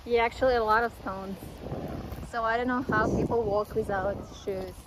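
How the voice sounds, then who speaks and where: A young woman chatting casually for a vlog in an informal, expressive way, full of exclamations. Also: normal speed. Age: young adult. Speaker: vlogger. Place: inside a car and on an open windy beach. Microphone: phone at arm's length. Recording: muffled, loud car rumble and wind noise.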